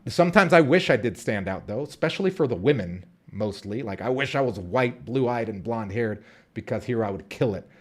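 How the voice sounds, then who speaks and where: With a mid-range voice, a vlogger in his 30s, originally from Colombia and raised in Southern California, talks off the cuff to the camera. His delivery rambles, with frequent fillers and sentences he restarts.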